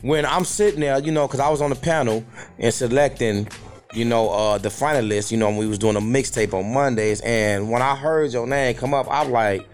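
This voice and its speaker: A man's voice: medium pitch, fairly quick, faint music behind. Laid-back man co-hosting. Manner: laid-back, says "man" and "you know what I mean" constantly. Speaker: radio show co-host. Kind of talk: casual chat.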